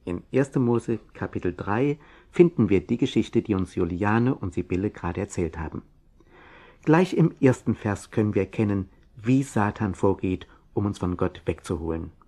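Man, presenter, instructive scripted narration, lowish pitch, warm tone. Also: animated, normal speed. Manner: instructive, addressing listeners. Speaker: presenter of a children's Bible program.

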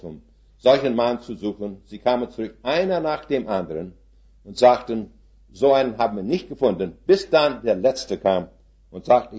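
A man's voice: mid-range voice, dark tone, muffled recording. A man in his seventies preaching a sermon full of stories, putting folksy rhetorical questions to his congregation and dropping English words into his German. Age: 70s.

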